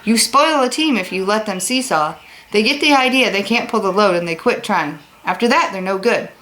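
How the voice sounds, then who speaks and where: A woman voicing a steady, kindly farm father who gives calm, plain-spoken advice in a storybook read-aloud. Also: mid-range voice, moderate pace, close to an everyday voice.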